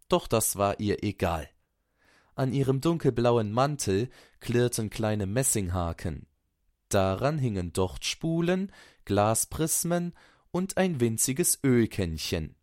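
Calm man narrating a storybook slowly. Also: fairly low pitch, no room sound, clean studio sound.

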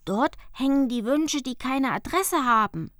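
A woman voicing a calm, knowing male guide who explains and gives instructions firmly in a storybook tale. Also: high-pitched, a little slow, no echo, studio quality, pitched above the performer's own voice. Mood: explaining.

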